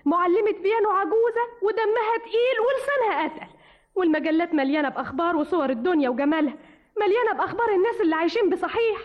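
A woman's voice: very high voice, animated, racing. An actress in an old Egyptian radio drama playing a young orphan woman desperate to escape, speaking with anguish in an Egyptian accent. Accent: Egyptian Arabic. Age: young adult. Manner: anguished, tearful outbursts. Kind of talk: 1950s radio drama acting. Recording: dull old radio recording.

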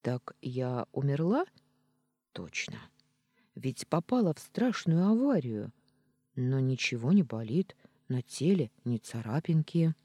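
Reader voicing a wry young heroine in an audiobook, slow and lively. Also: medium pitch, no room sound, full character voice. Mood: bewildered. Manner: wry, snorting remarks. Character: young woman, sardonic and quick-witted newcomer. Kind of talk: audiobook reading.

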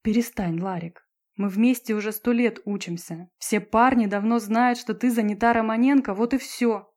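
A woman's voice: a little high, fairly even intonation, normal speed, a little mellow, lightly acted. Chirpy teenage girlfriend, read by a woman. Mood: chatty.

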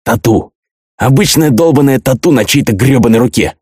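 A man's voice: moderate pace, a little mellow, husky, dry recording, studio quality, natural voice. A man voicing a terrified, crude male tattooist held captive, shrieking and swearing in an audiobook. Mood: panicked. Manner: shrill shrieking, swearing, sobbing.

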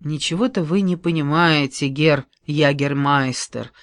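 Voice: mid-range voice, measured pace, no echo, natural voice. A reader voicing a romantic, cheerful middle-aged head forester who eagerly asks questions, in an audiobook. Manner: eager, cheerful, solemn at times.

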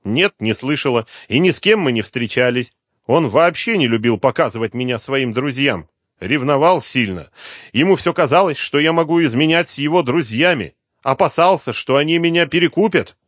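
A man's voice: animated, moderate pace, fairly bright tone, dry recording, studio quality. A man reading an audiobook, voicing a brash, defiant young woman in her twenties who snaps and mocks. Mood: sullen. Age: 20s. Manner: shrill, snapping, mocking. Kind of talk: audiobook character voice.

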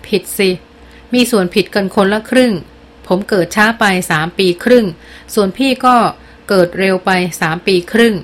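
A woman voicing a cocky teenage boy who mocks and provokes, read as an audiobook character in her own middle-pitched voice. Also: normal speed, close to an everyday voice. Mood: taunting. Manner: mocking, provoking.

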